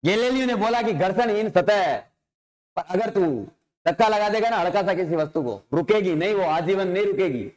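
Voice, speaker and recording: A man's voice: sits high, lively intonation, normal speed, darkish tone. A male science teacher giving an informal coaching-class lecture, repeatedly asking questions and answering them himself. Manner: informal, addresses figures with tu.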